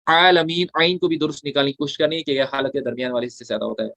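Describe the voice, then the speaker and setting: A man teaching tajweed in an online class, explaining step by step, asking questions and answering them himself, and chanting the verses slowly between explanations. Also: medium pitch, vocal fry, dry recording. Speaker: Quran recitation teacher.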